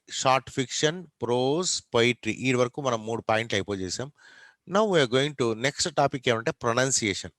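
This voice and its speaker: A man's voice: mid-range voice, a bit bright, no room sound. A man with a Telugu accent lecturing an online class, mixing Telugu and English, questioning students and spelling words out letter by letter.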